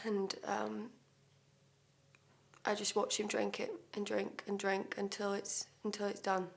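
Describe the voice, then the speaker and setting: A woman's voice: medium pitch, completely flat delivery, unhurried, creaky. A woman acting a blunt, defiant woman, confessing under questioning in a swearing, hesitant self-tape monologue. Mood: cold defiant. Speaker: actor.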